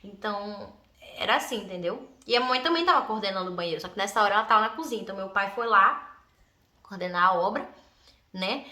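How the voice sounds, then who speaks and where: A woman's voice: medium pitch, lively intonation, quick pace, sharp tone. A young woman vlogger animatedly telling a childhood story, laughing often and acting out her relatives' voices. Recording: echoey room.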